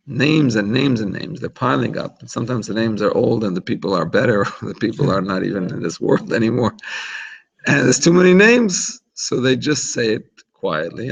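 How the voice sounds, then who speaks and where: A man's voice: mid-range voice, creaky, husky, highs cut off. A man teaching an informal religious class in a chatty, explanatory way, often restarting his sentences. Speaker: Torah teacher.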